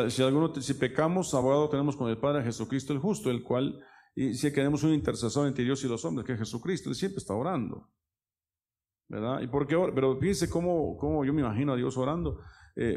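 Older male pastor, informal rambling sermon, warm gravelly voice. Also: mid-range voice. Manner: rambling, conversational, frequent filler asides. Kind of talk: informal sermon with personal stories.

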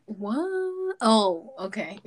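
A woman's voice: fairly high pitch, big pitch swings, extremely slow. A young woman from Zambia, a podcast guest chatting casually, telling stories with lots of likes and ums. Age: young adult.

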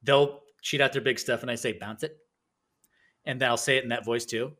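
A man co-hosting a podcast in casual chat, rambling and animated, acting out other players as he tells stories. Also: mid-range voice, quick pace. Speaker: podcast co-host.

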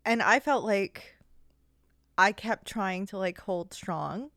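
A young woman in casual chat, talking quickly in loose, laughing stretches full of "like". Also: medium pitch, a bit bright, no room sound, clean studio sound. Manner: chatty, laughing, lots of "like".

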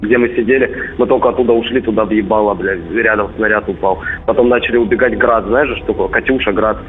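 A soldier calling home, talking bluntly and swearing constantly, heard as an intercepted call over a radio. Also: male voice, lowish voice, steady tone, fast, faint music behind. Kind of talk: casual phone call. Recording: tinny intercepted radio line, faint hiss.

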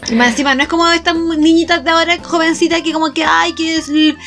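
A woman with a Chilean accent, chatting casually as a co-host and telling stories in an animated way. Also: very high voice, fast, faint music behind. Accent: Chilean Spanish. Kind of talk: casual chat.

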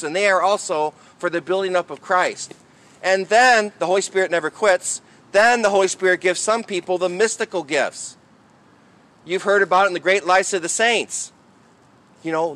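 Bright-voiced man preaching as a priest. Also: on the high side. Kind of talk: sermon and liturgical reading at Mass.

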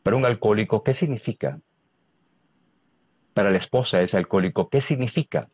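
Lively Venezuelan man with a husky voice. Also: on the low side, brisk, no room sound, lo-fi sound. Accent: Venezuelan Spanish. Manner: lively, asks many rhetorical questions. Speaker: guest speaker on emotional intelligence. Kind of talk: animated explanatory talk with rhetorical questions.

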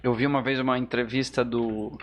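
A man's voice: medium pitch, flat delivery, a little fast, muffled recording, slight background noise. A man hosting a casual podcast chat, reacting eagerly and asking follow-up questions. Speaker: podcast host.

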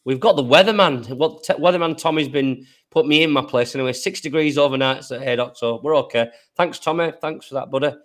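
A man's voice: fairly high pitch, fairly quick, hardly any pauses, fairly bright tone. A British man hosting a racing podcast, chatty and teasing in casual talk. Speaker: podcast host.

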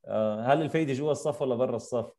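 Man, rapid pace, soft dark tone, casual interviewer, English mixed in, repeated phrases. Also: medium pitch. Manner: mixes English words into Arabic, repeats phrases. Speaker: interview host.

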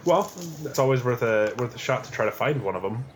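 A man playing a tabletop game, chatting casually and speaking in character with jokey, halting restarts. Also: mid-range voice, a little hiss or hum. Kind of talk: casual play and in-character talk.

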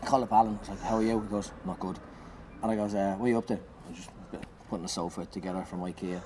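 Low-voiced man telling a swearing comic story. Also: rapid-fire. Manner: animated, swears freely, laughs through his story. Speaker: comedian. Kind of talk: casual storytelling chat. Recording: clear background noise.

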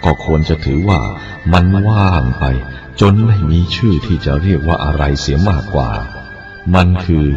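A male Buddhist monk reading a written teaching aloud in a measured, deliberate way. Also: rumbling low. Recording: dull lo-fi recording with faint music.

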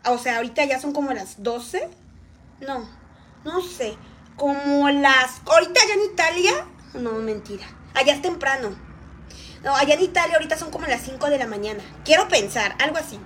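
Chatty high-voiced Mexican woman. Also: lively intonation, moderate pace, a bit bright, a little hiss or hum. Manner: chatty, talks while eating, addresses viewers. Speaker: live streamer. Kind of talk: eating live stream chat.

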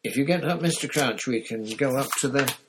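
A man's voice: mid-range voice, fairly quick, noisy background, pitched above the performer's own voice, close to an everyday voice. A man voicing a teenage boy who speaks cautiously and insistently, as in an audiobook. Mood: urgent.

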